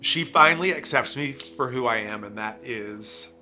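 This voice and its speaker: A man's voice: mid-range voice, moderate pace, sharp tone. A man talking casually, as in a documentary interview. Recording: roomy echo, music behind.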